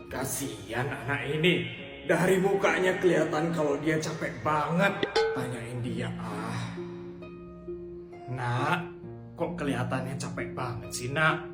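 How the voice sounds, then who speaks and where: A man voicing a soft-hearted poor man. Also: medium pitch, unhurried, long pauses, close to an everyday voice. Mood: sympathetic. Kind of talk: comedy sketch voice-over. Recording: echoey with loud background music.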